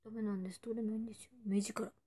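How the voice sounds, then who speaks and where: A woman's voice: medium pitch, flat delivery, rapid-fire, dark tone, husky. A woman in her twenties, an idol chatting casually on a livestream and reading out fan comments in a playful way, sometimes dropping to a whisper. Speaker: idol streaming to fans.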